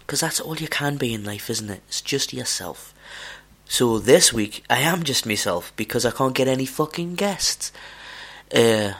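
A man's voice: mid-range voice, creaky, a bit bright. A man with a broad Scottish accent hosting a podcast solo, rambling casually, with a sweary, self-deprecating manner. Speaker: podcast host.

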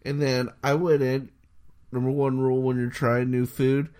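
A man's voice: medium pitch, level tone, normal speed, darkish tone, clean tone. A man co-hosting a casual food-review chat, enthusiastic and rambling. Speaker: podcast co-host.

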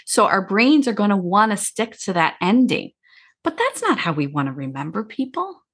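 A woman's voice: mid-range voice, sing-song, moderate pace, a bit bright, slightly rough. A woman grief counselor talking casually in an interview, explaining in long run-on sentences.

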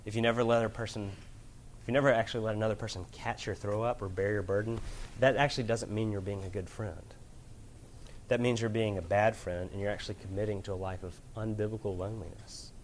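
A man with a fairly low voice delivers an earnest sermon to a room full of people. He leans into loud emphasis, then drops to quiet, grave tones, and a faint hum of room noise sits under his voice. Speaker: preacher. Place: room with an audience.

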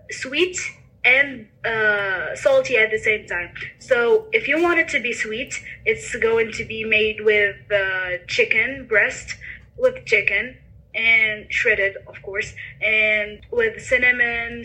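A woman's voice: mid-range voice, pushed and bright, low-quality recording. A woman from Morocco with a Moroccan accent, answering conversationally as a podcast guest and explaining things step by step. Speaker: international student, podcast guest.

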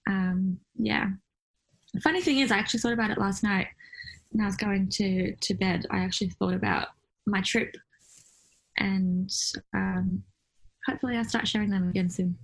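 A woman from Iraq, speaking as a photographer guest at a medium pitch. She talks through her answers in a chatty, reflective way, full of fillers and quick laughs. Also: creaky, poor audio. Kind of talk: casual interview chat.

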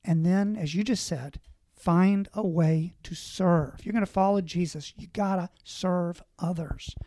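Earnest priest giving advice. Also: male voice, sits high, measured pace, dark tone, dry recording, clean studio sound. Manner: earnest, exhortative, lists points. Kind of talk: conversational advice on a panel.

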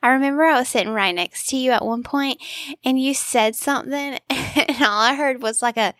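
A woman's voice: high voice, moderate pace, a bit bright, no echo, studio quality. A woman co-hosting a podcast in casual, slangy, informal conversation. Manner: informal, slangy, filler "like" throughout. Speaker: podcast co-host. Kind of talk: casual chat.

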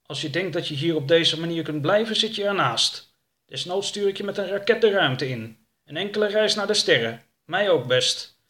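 A man's voice: a little high, animated, moderate pace, sharp tone, pitched above the performer's own voice. Man voicing a bossy middle-aged male boss, curt orders, storybook. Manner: commanding, curt. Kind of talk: audiobook character voice.

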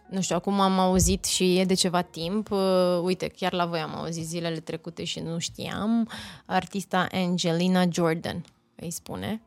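A woman, an actress, chatting as a podcast guest, pausing often to search for words. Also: fairly low pitch. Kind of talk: casual interview chat.

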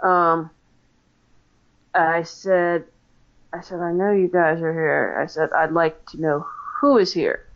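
A woman's voice: on the low side, fairly even intonation, slow, pauses often, dull audio. An American woman, a paranormal investigator, telling stories in a casual interview with lots of fillers and restarts. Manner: chatty, many fillers and restarts.

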